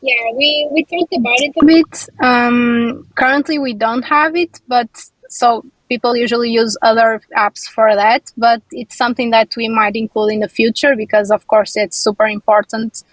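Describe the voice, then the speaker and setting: A woman's voice: a little high, fairly even intonation, moderate pace, no echo, poor audio. Hesitant woman answering questions. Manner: hesitant, filler-heavy.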